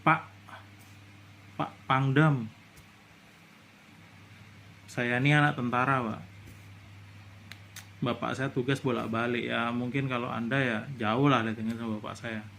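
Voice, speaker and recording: A man's voice: mid-range voice, steady tone, measured pace, gravelly, pauses often, a bit bright, a little hiss or hum. A middle-aged man from Indonesia giving a casual commentary monologue, indignant and lecturing, his voice rising into outbursts. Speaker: vlogger.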